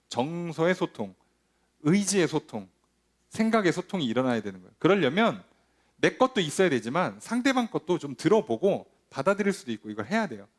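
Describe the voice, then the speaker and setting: A male pastor teaching scripture in a fairly high, very animated voice that swoops up and down. He keeps checking that his class understands with quick rhetorical questions. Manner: acts out quoted speech in dramatized voices. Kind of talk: Bible study teaching.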